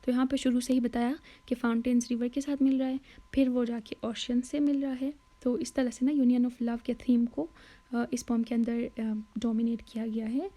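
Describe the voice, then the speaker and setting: A woman tutor explaining a poem in a mixed Hindi and English lesson, with hesitant fillers and self-corrections, reading quoted lines slowly. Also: on the high side, little pitch movement, warm tone. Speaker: literature tutor.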